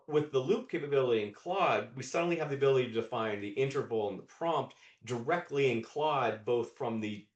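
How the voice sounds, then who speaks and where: A man walks through software on a live screen share, talking it through as he clicks around. He restarts often and repeats words while he finds his thought. His voice is at an ordinary middle pitch, and the video call audio has a roomy echo. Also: highs cut off. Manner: thinks aloud with frequent restarts and repeated words. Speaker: presenter of a live coding session. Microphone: video call mic.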